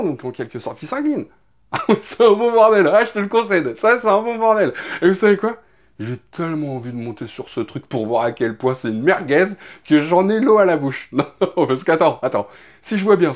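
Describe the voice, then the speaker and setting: A man hosts a motorbike news show with biting sarcasm and plenty of fillers. His voice sits a little high and swings widely in pitch. He jokes and teases his listeners constantly. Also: a little mellow. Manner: mocking, joking, laughs often, lots of fillers. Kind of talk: sarcastic casual commentary.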